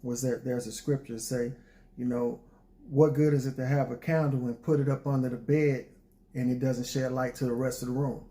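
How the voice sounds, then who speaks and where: A man with a mellow, dark voice at a middle pitch talks informally to his listeners. He is reflective and folksy, with a bit of a preacher's manner. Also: flat delivery, normal speed. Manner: folksy, preacherly, often addresses listeners as y'all. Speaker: poet addressing an audience.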